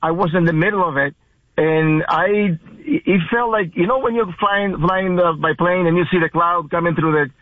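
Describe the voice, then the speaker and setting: Brief: man from the Dominican Republic, phone-in guest, halting and earnest, fairly high voice, tinny phone line, dry. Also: no room sound. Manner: halting, many restarts, earnest. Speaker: baseball umpire, phone guest. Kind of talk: radio phone interview.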